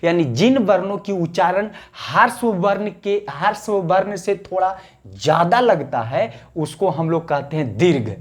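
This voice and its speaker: A male teacher giving a grammar lesson, repeating each definition and slowly drawing out the vowel sounds as he recites them. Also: high-pitched, animated.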